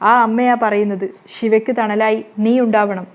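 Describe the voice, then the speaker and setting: A woman's voice: fairly high pitch, steady tone, moderate pace, lightly acted. A woman voicing a middle-aged mother who holds back tears and keeps secrets, speaking firmly to her daughter-in-law. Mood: tearful. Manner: tearful, then firm and dismissive. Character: grieving middle-aged mother, secretive, loving yet stern.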